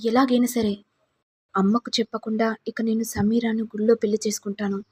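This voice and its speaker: A woman's voice: fairly high pitch, level tone, brisk, darkish tone, breathy edge. A woman voicing an angry young husband who taunts and accuses his wife. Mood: bitter.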